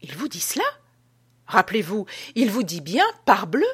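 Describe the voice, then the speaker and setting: Woman reading as an eager questioning gentleman. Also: mid-range voice, very animated, normal speed, slightly rough, heavily acted. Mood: curious. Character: curious gentleman questioning the guard.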